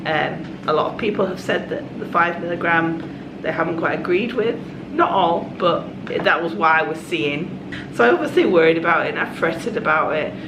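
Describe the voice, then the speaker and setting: A vlogger hoarse from a cold chats casually in an echoey room with background noise. Her croaky voice sits on the low side with lively intonation, and she's chatty and confiding, dropping quick asides.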